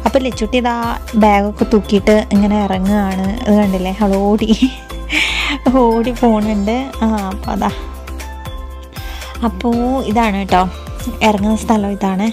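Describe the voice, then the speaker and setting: A woman, a mother vlogging her day in a chatty way, trailing off with soft tag words and coaxing her little son in sing-song baby talk. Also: medium pitch, steady tone, normal speed, long pauses, music in the background. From Kerala, India. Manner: chatty, repeats soft tags like "kettoo". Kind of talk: casual vlog narration.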